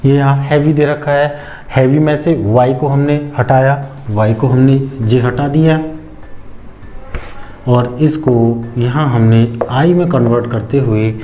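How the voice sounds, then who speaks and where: A man, an English teacher explaining grammar slowly, step by step, and asking rhetorical questions as he goes. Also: mid-range voice, dark tone, faint music behind.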